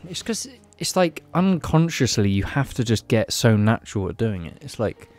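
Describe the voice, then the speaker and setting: A man's voice: medium pitch, big pitch swings, moderate pace, a little mellow, soft background music. A man in his twenties chatting casually on a podcast, rambling and repeating himself as if whiskey-drunk. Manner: tipsy, rambling drunk talk with repeated phrases. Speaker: podcast co-host. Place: small padded attic room. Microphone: podcast mic on boom arm.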